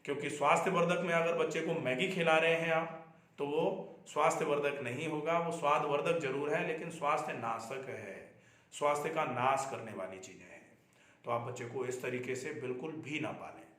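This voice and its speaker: A middle-aged man talks as a doctor giving advice to parents, earnest and repeating key points so they stick. His voice sits a little high for a man. The room around him rings with a noticeable echo. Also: fairly quick, fairly bright tone. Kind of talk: explanatory health talk. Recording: echoey room.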